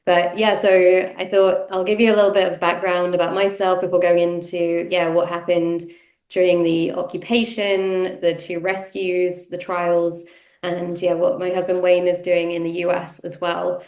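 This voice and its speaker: A woman from North Yorkshire, England, speaks as a guest speaker and activist, giving a casual personal talk while sniffly from a cold. Her voice is on the low side, a little mellow, with little pitch movement and normal speed; she's conversational, with many ums and yeahs, and the recording has a roomy echo.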